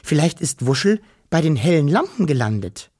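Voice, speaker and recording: A man voicing a small, timid female creature with green hair in a storybook reading, speaking higher than his own voice in an anxious, sighing way. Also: sing-song, moderate pace, darkish tone, slightly rough. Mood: hopeful.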